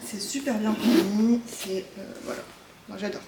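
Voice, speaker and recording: A woman's voice: medium pitch, fairly even intonation, moderate pace, echoey room, heavy background noise. A woman chatting casually as she shows her knitting projects, talking in a loose, hesitant way with frequent filler sounds. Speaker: knitting vlogger. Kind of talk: casual show-and-tell chat.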